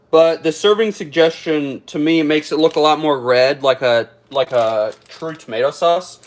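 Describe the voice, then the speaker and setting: Chatty guy doing a food taste test on camera, slightly higher voice, talks as he eats. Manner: chatty, thinks aloud while eating. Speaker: food reviewer. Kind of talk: casual taste-test vlog.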